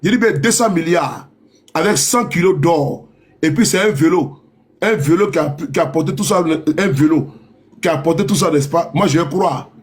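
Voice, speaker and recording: A man's voice: on the high side, moderate pace. A man delivering a sarcastic political rant, mocking and repetitive, often laughing at his own jokes. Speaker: political commentator.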